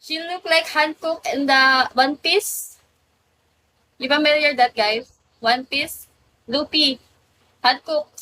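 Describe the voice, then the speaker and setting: Young woman, high voice, slow and giggly, casual live-stream chat, faint room noise. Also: steady tone, bright, forceful tone, low-quality recording. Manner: giggly, mixes English and Filipino. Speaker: livestream host.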